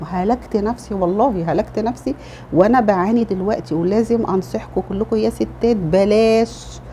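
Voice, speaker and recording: A middle-aged woman with an Egyptian Arabic accent talks quickly and chattily, handing out motherly advice to other women. Her voice is dark and mellow. A faint room ambience sits behind her. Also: mid-range voice, slight background noise. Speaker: lifestyle vlogger. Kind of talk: casual advice talk.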